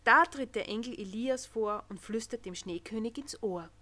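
A woman narrating a children's Christmas storybook in an expressive, gentle manner. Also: fairly high pitch, moderate pace. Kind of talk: storybook reading.

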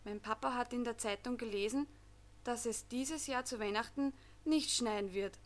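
A woman's voice: a little high, normal speed, close to an everyday voice. A woman voicing a little boy reading out his earnest wish letter in a children's story.

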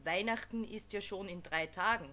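A woman's voice: medium pitch, normal speed, bright, forceful tone, lightly acted. A woman voicing a hesitant, fussy old Snow King with a long beard in a children's storybook reading. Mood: fretful.

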